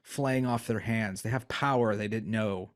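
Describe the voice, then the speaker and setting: A man hosting a podcast, chatting casually with friends and ranting in an animated, joking way. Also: fairly low pitch, unhurried. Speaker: podcast host. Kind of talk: casual chat.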